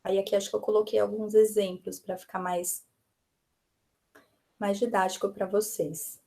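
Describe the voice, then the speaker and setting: A woman's voice: medium pitch, flat delivery, moderate pace, gravelly, warm tone. A woman with a São Paulo Brazilian accent explaining teaching ideas in an online teacher training, talking in a chatty, explanatory way with many "né?" and "tá?". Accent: Brazilian Portuguese, São Paulo. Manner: explanatory, uses diminutives and frequent "né?" and "tá?". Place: live stream presentation.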